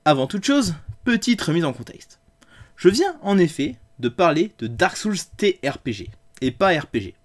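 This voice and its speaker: Man, fairly high voice, sarcastic game review host, swears freely, theatrical delivery. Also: very animated, normal speed. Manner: sarcastic and crude, with theatrical outbursts. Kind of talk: comedic review monologue.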